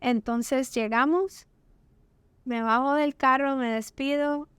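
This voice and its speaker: Appearing as a podcast guest, a woman shares her personal testimony in a higher, smooth, resonant voice that is a bit bright and steady in tone. She speaks slowly and tells the story vividly, taking on the voices of the people she quotes. The recording is dry and close, like a small studio, with no echo.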